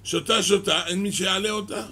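A man giving a weekly Torah portion lesson, telling a Talmudic tale in a slow, measured storyteller's way. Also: high voice, bright, forceful tone. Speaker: Torah teacher.

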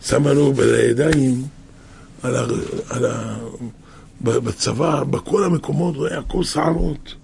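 A man retelling a scripture story in a halting, conversational way, with many restarts and a raspy, husky voice. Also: medium pitch, a little mellow, slight background noise.

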